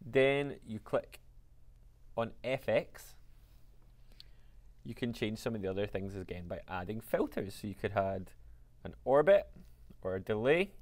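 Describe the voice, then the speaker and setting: A man teaching a music technology lesson, explaining software steps in an upbeat, chatty way. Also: lowish voice, animated, measured pace, long pauses.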